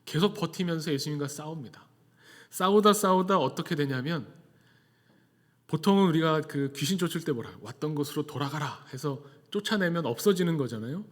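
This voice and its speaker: A man's voice: a little high, expressive, fairly quick. A man preaching a sermon as a pastor, speaking conversationally and posing rhetorical questions in a church. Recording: long hall reverb.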